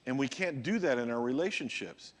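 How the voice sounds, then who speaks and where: A man's voice: mid-range voice, expressive, a little fast. Conversational man preaching a sermon. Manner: conversational, checks in with the audience. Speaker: pastor. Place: church.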